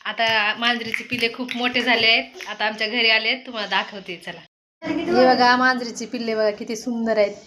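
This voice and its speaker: Woman vlogger at home, coaxing and chatty; slightly high, crisp voice, faint noise behind. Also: steady tone, fairly quick, pushed and bright. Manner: coaxing, repeatedly calling animals over. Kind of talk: casual home vlog.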